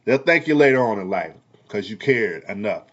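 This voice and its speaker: A man who is a parent and a barber, talking heatedly in a casual commentary vlog, repeating himself in a preachy way and swinging between loud and soft. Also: on the low side, expressive, moderate pace, dull audio. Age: adult parent. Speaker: vlogger and barber.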